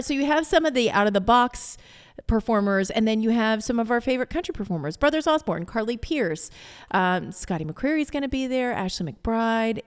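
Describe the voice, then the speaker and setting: A woman's voice: mid-range voice, clean tone. A woman co-hosting a morning radio show in casual, upbeat chat, running through event lineups and ticket details. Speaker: radio co-host. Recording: long echoey studio reverb.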